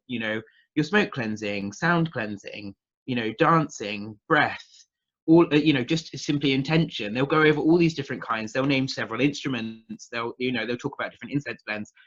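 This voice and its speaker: A man in his thirties from near London, England, with a southern English accent, chats casually as an interview guest. He practises witchcraft and talks in a rambling, hesitant way. His mid-range voice has a fairly bright tone, and the recording is muffled.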